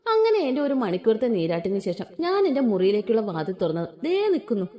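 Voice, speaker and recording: A young woman narrating her own story with mischief and humor. Her voice is slightly high, mellow and warm, and it rises and falls in lively swings. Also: a little fast. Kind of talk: first-person story narration.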